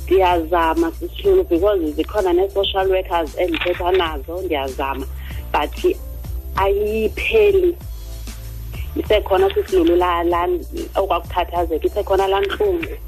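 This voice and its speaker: A woman's voice: on the low side, animated, moderate pace, darkish tone, faint music behind, rough recording. South African woman telling her own story. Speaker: caller sharing personal story. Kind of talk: personal storytelling.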